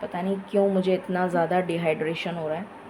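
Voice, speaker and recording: A woman giving a tarot reading in a slow, effortful way, tired and with a dry throat. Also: fairly low pitch, fairly even intonation, noisy background. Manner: slow, tired, effortful Hindi-English mix with many pauses. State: low energy, dry throat. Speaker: tarot reader. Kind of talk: casual tarot reading to camera.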